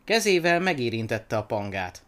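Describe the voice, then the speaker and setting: A man narrating a children's story aloud in an expressive, animated reading. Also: medium pitch.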